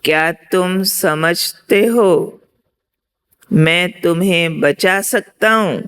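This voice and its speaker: The voice of God from above, calm and probing, as a woman storyteller puts it on. It moves very slowly and sounds smooth and clear. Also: lowish voice. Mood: calm testing. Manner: measured, questioning.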